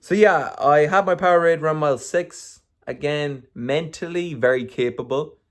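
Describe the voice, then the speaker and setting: A man's voice: a little high, normal speed. A young man hosting his own podcast, chatting casually in a rambling, slangy way with some swearing. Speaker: podcast host. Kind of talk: casual solo podcast chat.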